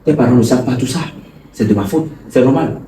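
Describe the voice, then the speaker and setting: A man's voice: mid-range voice, fast, mellow, slight background noise, lightly acted. A man playing a stern older brother who lectures and scolds, often stammering over words. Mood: lecturing angrily. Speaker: actor in a web skit. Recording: echoey room, far from the mic.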